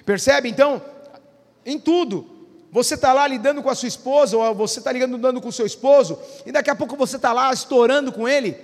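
A man's voice: very high-pitched, fairly quick, in a large hall. A male pastor preaching a sermon, often asking the congregation questions and waiting for their answers. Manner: preaching with frequent call-and-response questions to the congregation. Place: church.

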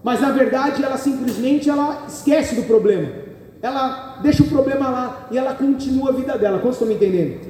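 A pastor with a Brazilian Portuguese accent preaching a sermon, calling out questions to the congregation and joking in asides. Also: male voice, extremely high pitch, brisk, mellow, slight background noise. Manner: preaching with audience call-and-response, joking asides. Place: church hall. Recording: echoey hall, picked up from far.

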